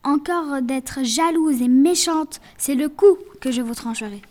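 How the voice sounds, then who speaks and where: Woman doing stern storybook father, slow menacing delivery, high voice. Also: darkish tone. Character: stern angry father, village elder.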